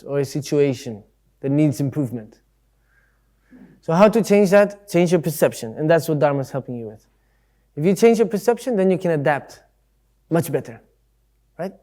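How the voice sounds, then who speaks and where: A man speaking at a Buddhist centre in a loose, chatty way, with a voice a little higher than most men's. He talks his ideas through with everyday examples and now and then slips into voicing other people. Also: warm tone. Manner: conversational, leans on everyday examples; acts out voices in quotes. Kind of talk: casual spoken Dharma talk.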